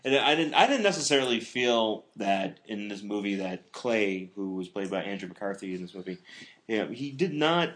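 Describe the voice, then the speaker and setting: A man's voice: on the low side, animated, moderate pace, fairly bright tone. Man, casual movie review chat, rambling, jokey, filler-heavy. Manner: rambling, lots of filler words and restarts, jokey.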